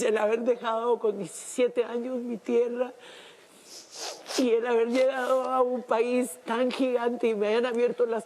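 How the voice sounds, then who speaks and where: A woman from Cuba, a reality show contestant speaking emotionally by a campfire, halting and repeating words, near tears. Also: a little high, warm tone. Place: outdoors at a campfire at night.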